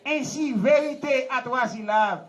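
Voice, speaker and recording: A man's voice: very high-pitched, unhurried, highs cut off. A man with a Haitian accent, a pastor preaching a wedding sermon in call-and-response, asking the congregation questions and having them repeat after him. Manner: laughing, teacherly questioning.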